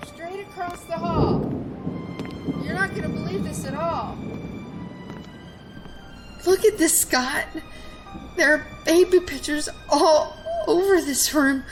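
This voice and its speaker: A frightened young heiress, as a woman plays her, high-voiced and slow, her voice shaky and close to tears. Strong music sits behind her in this audio drama. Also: low-quality recording. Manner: shaky and anxious, crying at times.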